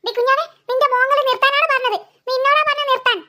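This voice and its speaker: A woman's voice: very high-pitched, flat delivery, fast talker, sharp tone. A woman voicing a fed-up mother who scolds her squabbling daughters in a cartoon. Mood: scolding. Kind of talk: cartoon voice acting.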